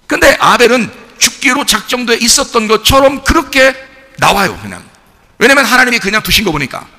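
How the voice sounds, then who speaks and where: A man's voice: extremely high pitch, big pitch swings, a little fast, sharp tone, in a large hall. A man, a pastor, preaching a sermon in a conversational way, often asking the congregation questions.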